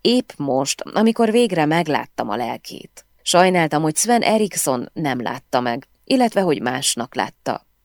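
Very low-voiced woman narrating an audiobook. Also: very animated, dry recording, studio quality. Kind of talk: scripted first-person audiobook narration.

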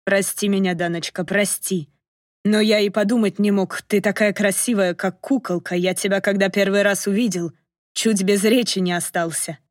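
An intense young man, hoarse and hushed, pleading slowly and softly, as a woman narrator puts him on. It is an audiobook reading in a dry, close space with no room echo. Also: mid-range voice, steady tone, close to an everyday voice. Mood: tender. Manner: slow, soft, pleading.

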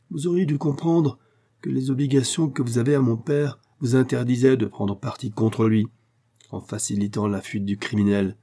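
Brief: male narrator playing a haughty young rich woman, scornful and commanding, raised voice over a mellow timbre. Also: mid-range voice, pitched above the performer's own voice, lightly acted. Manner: imperious, scornful. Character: haughty young woman, proud spoiled heiress. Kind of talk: audiobook character reading.

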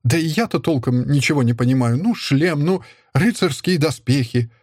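A man voicing an anxious, gentle mother who pleads with her husband and soothes her child. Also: fairly high pitch, moderate pace, dry recording, clean studio sound, voice pushed up, lightly acted. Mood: soothing. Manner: soothing yet fretful, pleading.

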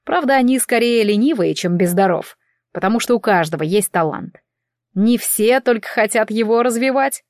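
A woman's voice: a little high, animated, normal speed, darkish tone, no room sound. Woman reading a wry, teasing male elf. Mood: thoughtful. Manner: teasing, dry.

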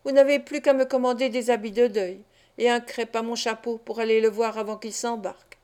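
A woman reading an audiobook voices an excitable young male pickpocket who laments and boasts. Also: a little high, brisk, smooth, close to an everyday voice. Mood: mournful.

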